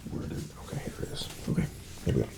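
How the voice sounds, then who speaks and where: In an ASMR doctor roleplay, a man speaks softly and breathily, often sinking to a whisper. He murmurs to the listener in a gentle, reassuring, unhurried way, as if conducting a medical exam.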